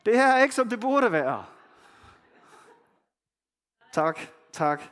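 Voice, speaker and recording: A man preaching a sermon in a frank, conversational way, reading scripture passages slowly and softly between his own blunt comments. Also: high voice, big pitch swings. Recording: long hall reverb.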